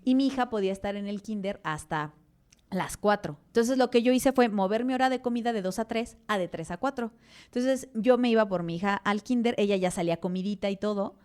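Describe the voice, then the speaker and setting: A woman's voice: mid-range voice, fairly quick, a little mellow, clear, resonant tone. A Mexican woman, a mother and podcast guest, telling her story animatedly, acting out dialogue with many fillers. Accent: Mexican Spanish. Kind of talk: interview conversation.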